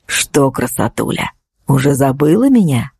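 A woman voicing a sleazy, menacing male taxi driver, with an oily, wheedling, creaking voice in an audiobook reading. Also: deep voice, unhurried, a little mellow, no echo, clean studio sound. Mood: sly. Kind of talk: audiobook character voice.

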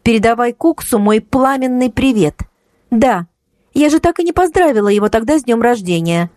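A woman's voice: on the high side, lively intonation, normal speed, a little mellow, no room sound, studio quality, voice pushed up, natural voice. A woman voicing a young woman who answers her ex in a steely, sarcastic tone in an audiobook. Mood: cold sarcastic.

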